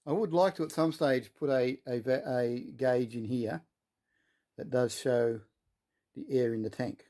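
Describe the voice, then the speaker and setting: Working away in his shed, a man gives viewers a casual update, chatting in a homespun, self-deprecating manner. His voice is warm and medium in pitch.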